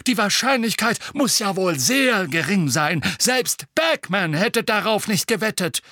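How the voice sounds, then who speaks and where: A pompous middle-aged minister barks and sneers in a high, strained, forceful voice. He sounds haughty and cold, as if no one could question him. The audiobook reading is close and dry. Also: lively intonation, unhurried, dry recording, full character voice. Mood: blustering. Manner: haughty, barking, icy.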